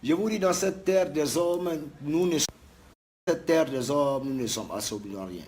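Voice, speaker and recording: A man's voice: on the high side, moderate pace, a little mellow. A man giving an emphatic, repetitive video message to fans as a musician. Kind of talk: direct-to-camera video message.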